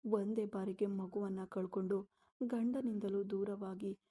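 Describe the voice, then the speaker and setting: A woman's voice: medium pitch, flat delivery, unhurried, dark tone, husky. A woman voicing a grieving young wife pleading with her husband, read in a storybook style.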